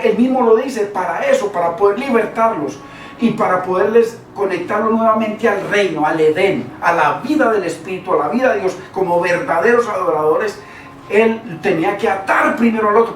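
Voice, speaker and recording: A man preaching a sermon in a conversational way, repeating words and putting rhetorical questions to the listeners. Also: high voice. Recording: echoey room, voice from far off, faint noise.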